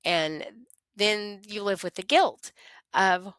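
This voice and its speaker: Middle-aged woman, guest recounting her life candidly, bright tone, expressive, dry close recording. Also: mid-range voice, slow, clear, resonant tone, no echo. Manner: animated, expressive, talks to herself in quoted prayers. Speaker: interview guest. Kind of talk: candid conversational storytelling.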